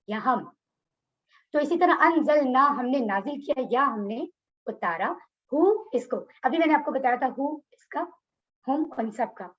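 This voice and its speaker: A Quran course teacher with a high voice and a Pakistani Urdu accent leads an online religious class over a video call, with the highs cut off. She goes through words one at a time, repeats their meanings, and asks her students questions.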